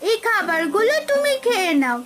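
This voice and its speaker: A woman voicing a sweet little girl, very high. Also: very animated, brisk. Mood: kind. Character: kind, caring little village girl. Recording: background music.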